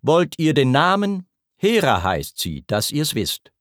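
A man's voice: a little high, huge pitch swings, takes it slowly, a bit bright, dry recording, clean studio sound, full character voice. A man voicing a proud, vengeful goddess queen, declaiming verse with scorn. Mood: haughty.

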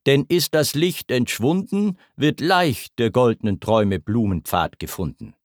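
Gentle coaxing servant read by a man, verse, dry close sound. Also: medium pitch, measured pace, no room sound, close to an everyday voice.

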